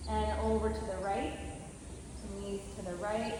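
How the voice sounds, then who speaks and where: A woman yoga teacher guiding relaxation in a gentle, soothing, reassuring manner. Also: medium pitch, flat delivery, unhurried. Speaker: yoga teacher leading a class. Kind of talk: guided yoga and relaxation instruction. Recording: very echoey hall with clear noise.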